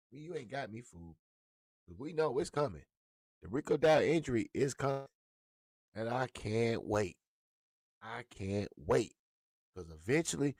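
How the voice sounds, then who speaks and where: A man's voice: lowish voice, a little mellow, dry recording. A man giving a blunt, profane, heated rant as a sports commentator. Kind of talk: ranting sports talk.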